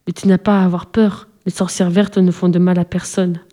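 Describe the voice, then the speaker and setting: A woman voicing a bold, imaginative young girl in a storybook, speaking earnestly and a little higher. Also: flat delivery, brisk, mellow, natural voice. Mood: confiding.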